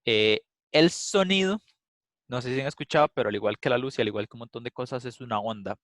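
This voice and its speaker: A man's voice: mid-range voice, quick pace, a bit bright, no echo. A man giving a casual, explanatory class lecture, thinking aloud with frequent "eh" fillers. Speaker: instructor. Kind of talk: recorded class lecture with live demo.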